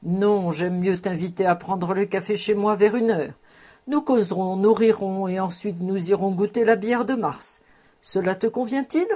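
A woman's voice: medium pitch, normal speed, dark tone, natural voice. A woman reading aloud, voicing a shrewd, proud old male rabbi with a sly, proverb-loving manner.

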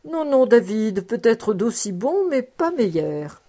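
A woman's voice: on the high side, sing-song, takes it slowly, dark tone, pitched above the performer's own voice, full character voice. A woman reading aloud, voicing a cheerful, teasing man who loves food and drink. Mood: polite. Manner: joking, cheerful.

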